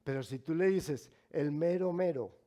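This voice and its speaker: A man with a Mexican accent preaching a sermon as pastor, speaking in a slow, emphatic way with asides to the congregation. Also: fairly high pitch, warm tone.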